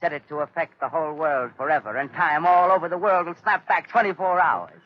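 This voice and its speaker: On a noisy, muffled old recording of a 1930s radio drama, an actor voices a gloating mad inventor, mock-polite and menacing as he relishes his sadistic cruelty. His voice is natural, a little high and brisk.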